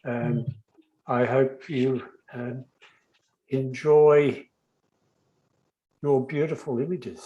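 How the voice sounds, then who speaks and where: A man's voice: mid-range voice, level tone, extremely slow, long pauses, warm tone, highs cut off. A man presenting to an online club meeting over a video call, hesitant and full of fillers. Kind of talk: casual online meeting talk.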